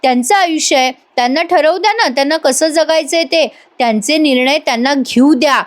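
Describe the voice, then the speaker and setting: A calm mother soothes the family with gentle firmness, as a woman reads her lines. The voice is high and measured. She coaxes rather than scolds. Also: natural voice. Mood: soothing.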